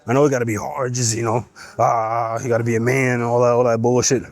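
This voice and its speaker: Between sets in a gym, a young male fitness vlogger with a cold and a nasal voice talks bluntly to the camera. His pitch is medium and his tone level, and he speaks fast in a casual, profane, pep-talking way.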